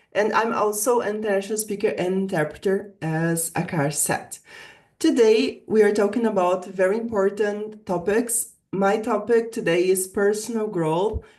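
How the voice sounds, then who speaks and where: Delivering a prepared presentation at a virtual summit, a Brazilian guest teacher, a native Portuguese speaker, stresses key phrases in an earnest, deliberate way. She has a Brazilian accent and a darkish voice pitched in the medium range.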